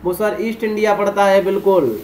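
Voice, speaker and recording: A man's voice: high voice, brisk, a little mellow, echoey room. A man teaching current affairs for competitive exams over a map. He asks and answers his own imagined students' questions and calls his listeners dear friends. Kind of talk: exam-prep lecture over a zoomed map.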